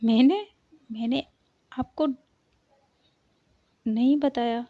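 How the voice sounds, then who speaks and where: A woman's voice: on the high side, drawn-out words, no echo, pitched above the performer's own voice. A woman voicing an earnest young woman who pleads and argues with her mother, in a storybook reading. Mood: insistent. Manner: pleading, insistent. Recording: dull lo-fi recording.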